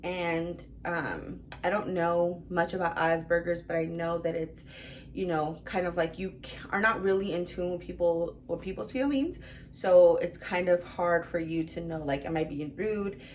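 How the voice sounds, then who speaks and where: A woman's voice: fairly low pitch, moderate pace, slight background noise. Chatty young woman gushing about books. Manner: chatty and rambling, full of "like" and "um". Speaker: book reviewer. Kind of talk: casual book review vlog.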